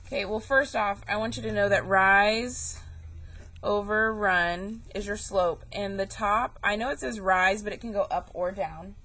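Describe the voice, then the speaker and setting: A woman's voice: medium pitch, measured pace, pushed and bright, poor audio. A young woman teaching a math class, chatty and joking, calling her students y'all. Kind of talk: recorded classroom lesson.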